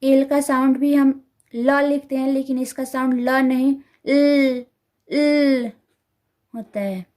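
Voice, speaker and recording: A woman teaching letter sounds to parents, repeating each sound carefully and slowly. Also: sits high, flat delivery, darkish tone. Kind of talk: slow instructional explanation.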